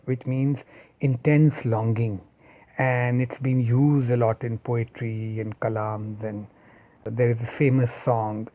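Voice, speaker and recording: A man explains phrases at an easy, conversational pace, often stopping for personal asides. His voice sits at an ordinary pitch with a warm, mellow tone. The delivery is relaxed and friendly, like a casual lesson. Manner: unhurried, chatty, with personal asides. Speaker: language explainer.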